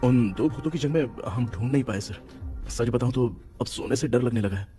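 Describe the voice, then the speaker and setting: A man's voice: mid-range voice, brisk, warm tone, faint music behind, lightly acted. An actor dubbing an anxious young man who is a devoted son and talks in an earnest, worried way. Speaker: young man haunted in dreams. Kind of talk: Hindi film dubbing.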